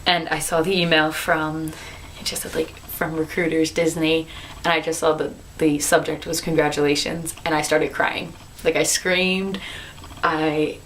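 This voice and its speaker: A woman in her twenties chatting to camera as a vlogger, telling her story in a bubbly, animated way. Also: sits low, slight background noise. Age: 20s. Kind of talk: casual chat to camera.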